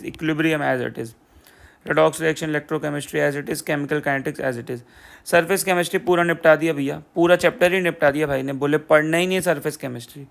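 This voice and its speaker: A man's voice: a little high, vocal fry. A young man explaining exam syllabus changes in a casual, sarcastic way, repeating the same phrases over and over. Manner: sarcastic, repeats "theek hai bhai" and "poora poora". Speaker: exam prep educator.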